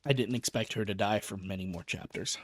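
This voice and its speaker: A man reading a novel aloud as a streamer, gentle and emotional, pausing to chat about the story. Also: fairly low pitch. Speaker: vtuber book reader.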